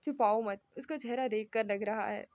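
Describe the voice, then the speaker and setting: A woman's voice: a little high, moderate pace, a little mellow, no room sound, lightly acted. A woman voicing a brash, scheming young woman in a storybook reading, talking in a needling, taunting way.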